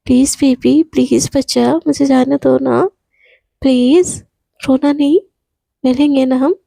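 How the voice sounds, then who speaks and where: A woman's voice: high voice, steady tone, unhurried, creaky, dark tone, no room sound, full character voice. A woman voicing a caring young woman who comforts her partner affectionately. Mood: soothing. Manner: soothing, affectionate.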